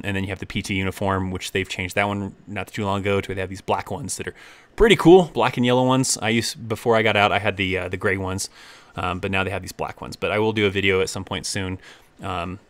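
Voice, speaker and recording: A man's voice: low voice, steady tone, fast talker, a bit bright, no echo. A young man hosting a casual live-stream Q&A, reading viewer questions aloud and rambling through answers with easy laughs.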